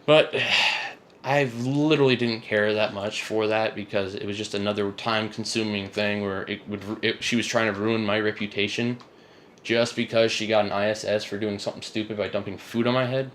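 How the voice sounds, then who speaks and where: A man's voice: fairly low pitch, fairly even intonation, normal speed, a bit bright, slight background noise. A young man casually rambling through a storytime about his past, often correcting himself. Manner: rambling, self-correcting, shrugging off. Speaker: vlogger.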